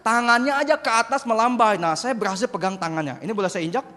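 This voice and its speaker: A man preaching a sermon to a youth congregation as an animated, joking storyteller. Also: high-pitched, fast. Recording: echoey church hall.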